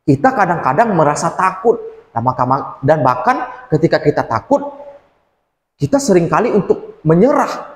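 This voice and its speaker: A man tells a story to a room of children in an animated, reassuring manner. His voice sits fairly high for a man. It carries through a large church hall with a long reverb. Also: moderate pace. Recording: echoey hall.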